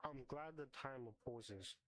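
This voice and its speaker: A man's voice: mid-range voice, a little slow, a bit bright, slight background noise. A man live-streaming a video game, chatting casually with his viewers while he fixes his setup and plays.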